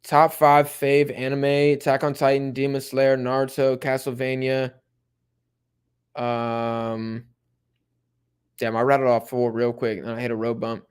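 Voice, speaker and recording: A young man hosting a live football watch-along, chatting casually with viewers and getting excited at big plays. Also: medium pitch, unhurried, smooth. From Mexico-supporting fan. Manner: laid-back, chatty, bursts of excitement at plays. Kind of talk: casual live commentary and chat reading.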